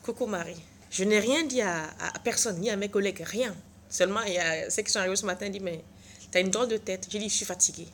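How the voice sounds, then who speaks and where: A woman's voice: mid-range voice, fast talker, slight background noise. A tired middle-aged woman at her workplace, dramatically retelling her day in a vlog and acting out the dialogue. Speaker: vlogger. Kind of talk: animated storytelling vlog.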